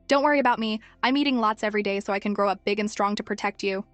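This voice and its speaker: A scheming little boy speaks with a cool, mocking edge, far sharper than his years, as a woman reads him. The delivery is clipped and calm, close and dry, with faint music beneath. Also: mid-range voice, very fast, no room sound, close to an everyday voice. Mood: sweet. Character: cold, calculating five-year-old boy, sharp beyond his years.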